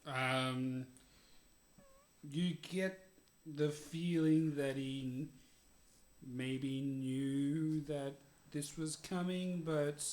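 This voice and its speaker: A game master narrating a tabletop game in an unhurried way, laughing often and using many fillers. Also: mid-range voice, darkish tone.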